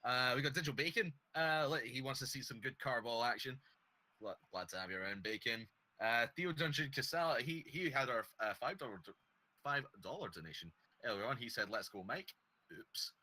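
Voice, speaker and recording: A man giving relaxed esports color commentary and reading out donations, with many fillers. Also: mid-range voice, a little fast, poor audio. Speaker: esports co-caster.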